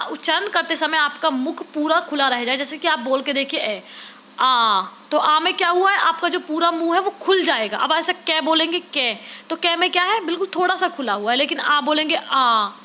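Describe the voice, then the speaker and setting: A woman's voice: high voice, pushed and bright, slight background noise. A woman teacher giving an online exam-prep lesson, explaining step by step and asking students to try each sound aloud.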